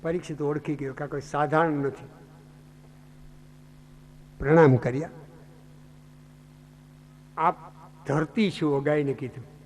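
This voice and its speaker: A man's voice: on the high side, steady tone, normal speed, long pauses, darkish tone, a little hiss or hum. A man from Gujarat narrating a devotional scripture story as a sermon, dramatic and full of rhetorical questions. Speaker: Bhagavata katha speaker.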